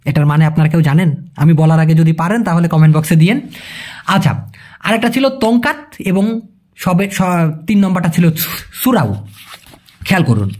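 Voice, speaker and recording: A man's voice: a little high, expressive, moderate pace, pauses often, darkish tone. A man teaching a language in a casual video lesson, patiently explaining and repeating key terms and quizzing his viewers.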